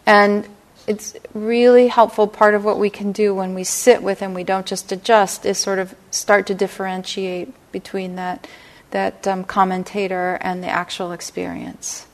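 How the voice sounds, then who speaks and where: A middle-aged woman teaching a meditation class, speaking gently and unhurriedly and often checking in with her listeners. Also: mid-range voice, level tone. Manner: gentle, unhurried, lots of "right?" and "you know". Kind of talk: dharma talk to a class. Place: meditation hall.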